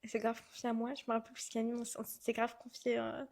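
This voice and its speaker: A young woman from France tells a lively story on a relaxed podcast, acting out the lines of the people in it. Her voice sits a little high for a woman, and her talk stays casual and chatty. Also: rapid-fire, vocal fry. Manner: animated storytelling, acting out quotes. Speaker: podcast co-host. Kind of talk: casual chat.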